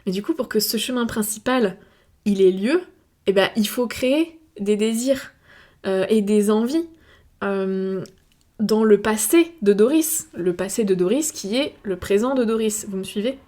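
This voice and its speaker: A woman's voice: medium pitch, lively intonation, measured pace, mellow. A woman from France with a French accent, talking casually to her viewers and thinking aloud, with many fillers and restarts. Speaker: video creator. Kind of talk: casual reflective monologue to camera.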